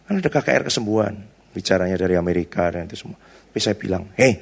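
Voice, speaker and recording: A man's voice: deep voice, lively intonation, quick pace, creaky. A male pastor giving a conversational sermon, telling stories in a chatty way with frequent tag questions.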